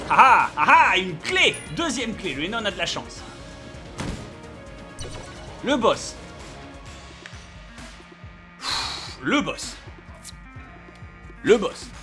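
A man giving live gameplay commentary as a let's play host, excitable, yelping and swearing at the action, with game music behind him. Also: sits high.

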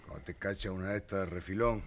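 An actor playing a weary, resigned working-class husband and father, gruff and slangy, with a Rioplatense accent. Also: low voice, fairly even intonation, quick pace, a little hiss or hum, lightly acted. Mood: worldly. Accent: Rioplatense Spanish. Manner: gruff, uses street slang, drops to a whisper. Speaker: actor in TV drama. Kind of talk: 1970s TV drama acting.

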